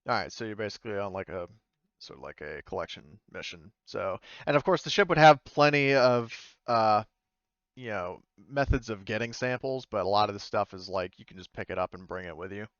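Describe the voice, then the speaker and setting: A man with an expressive, lowish voice and a fairly bright tone narrates as game master in an online tabletop game over a voice call. He speaks casually but haltingly, often going back to correct himself. The recording is dry and muffled.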